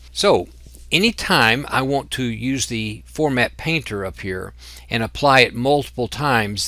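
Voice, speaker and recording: A man teaching software in a screen-recorded tutorial, explaining each step patiently. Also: medium pitch, no room sound. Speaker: software instructor.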